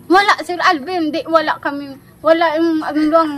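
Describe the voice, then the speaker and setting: High-voiced woman telling a story. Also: normal speed. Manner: animated, laughs often, keeps addressing the host. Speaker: interviewee telling a personal story. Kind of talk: casual storytelling chat. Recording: background music under the voice. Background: music.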